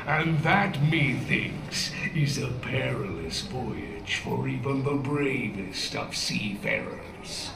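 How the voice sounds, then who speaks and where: Gruff old salty pirate, gravelly pirate accent, taunting, theatrical, far off in a noisy echoey hall. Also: male voice, mid-range voice. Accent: stage pirate. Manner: gruff old seafarer, slow, theatrical, archaic pirate talk. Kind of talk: theme park attraction narration. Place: indoor theme park show room. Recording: echoey, noisy on-site attraction recording, distant.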